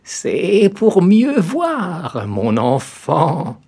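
Man putting on the wolf pretending to be granny, high fake falsetto, super slow and syrupy, storybook. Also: wildly swooping pitch, darkish tone, slightly rough, exaggerated voice. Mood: sugary. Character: wolf faking a sweet old granny voice.

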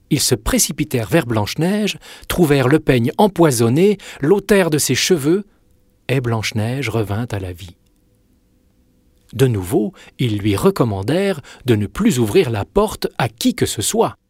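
A man narrating a fairy tale in a measured, expressive reading. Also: mid-range voice, breathy edge, no room sound, clean studio sound. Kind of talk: storybook narration.

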